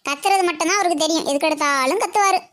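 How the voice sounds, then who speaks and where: A woman's voice: very high-pitched, rapid-fire, fairly bright tone. A woman voicing Nisha, a chatty little cartoon girl who complains about her father. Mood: complaining. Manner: complaining, whiny. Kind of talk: cartoon comedy acting.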